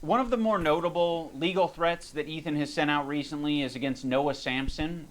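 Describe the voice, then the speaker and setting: A man's voice: on the high side, normal speed, slight background noise. A man doing video commentary in an emphatic, blunt way, swearing as he makes his points. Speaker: reaction commentator.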